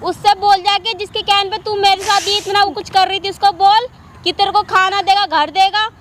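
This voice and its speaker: A woman's voice: extremely high pitch, steady tone, fairly quick, slight background noise. A woman acting an angry young stepdaughter in a street skit, scornful and ordering her stepmother around. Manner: scornful, commanding, shouting orders. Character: angry young adult stepdaughter, harsh and defiant.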